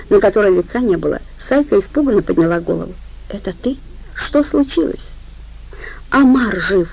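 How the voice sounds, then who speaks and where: A woman's voice: fairly low pitch, gravelly, mellow, low-quality recording. A woman reading a detective story aloud as an audiobook narrator.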